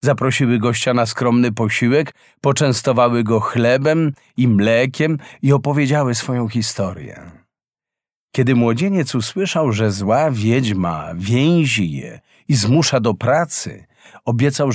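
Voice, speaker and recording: A man reads a fairy tale aloud in an unhurried, deliberate way. His intonation rises and falls in a lively, melodic way, and the recording is dry with no room sound. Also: medium pitch, no echo. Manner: slow, deliberate storytelling. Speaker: narrator. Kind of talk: scripted fairy tale narration.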